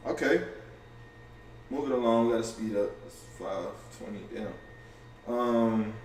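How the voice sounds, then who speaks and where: A man's voice: on the low side, a little mellow, far from the mic, slight background noise. A man chatting loosely to his camera in a casual livestream, slangy and profane, tripping over restarts and tossing in "you feel me." He is heard from some way off in a roomy space with faint ambience behind him. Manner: fast and offhand. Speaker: content creator going live.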